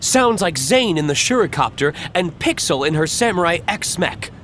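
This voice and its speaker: An audiobook narrator voicing a brisk, pushy woman TV reporter hungry for a scoop. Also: on the low side, big pitch swings, fairly bright tone, slight background noise, voice pushed up. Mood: eager brisk. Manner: brisk, announcer-like. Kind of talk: audiobook character voice.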